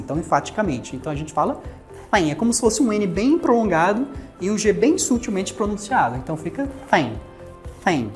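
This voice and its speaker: Brazilian woman English teacher, lowish, lively voice, patient drill-style delivery, faint music behind. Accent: Brazilian Portuguese. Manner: patient explainer, repeats words slowly for pronunciation drills. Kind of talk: recorded language lesson.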